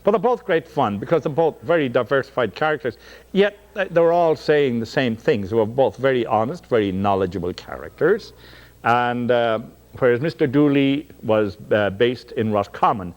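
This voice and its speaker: A man's voice: medium pitch, lively intonation, moderate pace. A middle-aged man with a Dublin Irish accent, a stage actor chatting in an interview with frequent ums and restarts. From Ireland. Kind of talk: casual interview talk.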